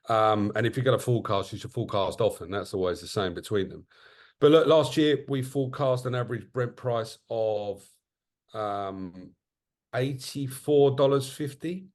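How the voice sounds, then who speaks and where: A man co-hosting a podcast, chatting casually and jokily, often restarting his sentences. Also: fairly low pitch. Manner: animated, self-interrupting, jokey. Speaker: podcast co-host. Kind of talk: casual market chat.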